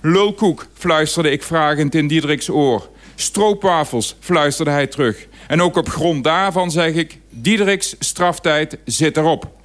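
A man's voice: fairly high pitch, a little slow, a bit bright. A man reading a written radio column aloud, dry and ironic in manner.

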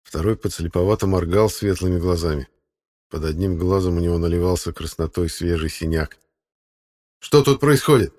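Audiobook narrator, male, deep and steady, measured delivery. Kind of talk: scripted narration.

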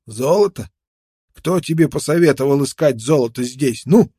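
A man's voice: on the high side, animated, normal speed, mellow, slightly rough, no room sound, studio quality, pitched above the performer's own voice. A man voicing a menacing, contemptuous young frontiersman with a knife, snarling threats in an audiobook. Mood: threatening.

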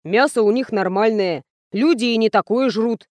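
A fussy, businesslike man lays out the rules step by step in a matter-of-fact way, as a woman narrator reads him. The voice stays fairly high and close, with a dry sound. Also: normal speed, a little mellow, no room sound, close to an everyday voice. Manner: methodical, matter-of-fact explaining. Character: fussy methodical male sponsor's agent.

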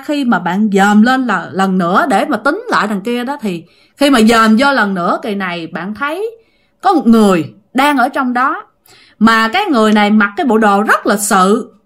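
A woman's voice: on the high side, a bit bright. A woman with a Southern Vietnamese accent telling ghost stories in a chatty way, talking straight to her listeners. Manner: chatty, addresses listeners directly. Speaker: storytelling podcast host. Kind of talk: casual ghost-story narration.

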